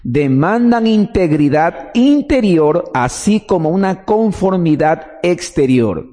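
A man's voice: sits high, sing-song, takes it slowly, dark tone, in a large hall. A man preaching a teaching sermon, explaining step by step and answering his own questions.

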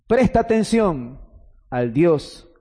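A man preaching a sermon with impassioned swings between loud exclamations and hushed, drawn-out phrases. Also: on the high side, very animated, in a large hall. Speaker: pastor.

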